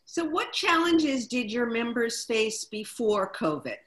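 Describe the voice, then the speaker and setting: A woman co-hosting a talk show, introducing a guest and reading prepared figures in a measured way. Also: fairly high pitch, animated, reverberant, poor audio. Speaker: co-host.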